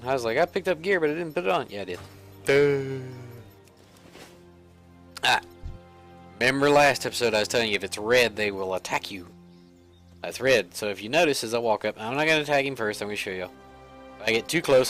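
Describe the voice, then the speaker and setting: A man's voice: medium pitch, a bit bright. A man giving rambling, self-mocking, casual commentary while he plays a video game. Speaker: let's play gamer.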